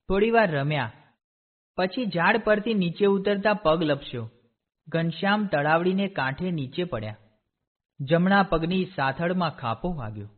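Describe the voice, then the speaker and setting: A man with a voice that sits high for a man reads a devotional storybook aloud, steady and clear. The audio is narrow and tinny, like a phone line.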